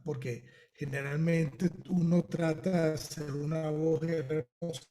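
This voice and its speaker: Man, venezuelan accent, very dark mellow tone, slightly high pitch, talkative, lively. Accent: Venezuelan Spanish. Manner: talkative, lively, fillers while thinking. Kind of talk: conversational interview answers.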